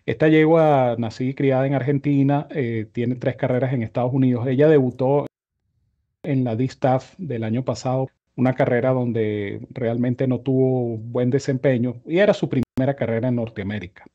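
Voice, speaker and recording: A man analyzing horse races on a video call, with a measured explanatory delivery. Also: medium pitch, fairly even intonation, warm tone, dull audio. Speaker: racing analyst. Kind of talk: horse racing analysis show.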